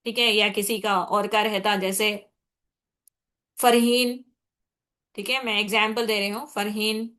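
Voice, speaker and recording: A woman from India with a Hyderabadi Urdu accent leads a Quran recitation class, patiently walking through tajweed rules, repeating key points, and checking on her students often. She slows down whenever she recites Arabic examples. Her voice sits at a medium pitch, steady, bright, and forceful.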